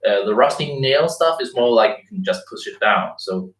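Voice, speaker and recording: A man's voice: fairly low pitch, animated, normal speed, echoey room, far from the mic, low-quality recording. A man with a Danish accent chatting casually and joking, full of likes and little laughs. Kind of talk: casual chat.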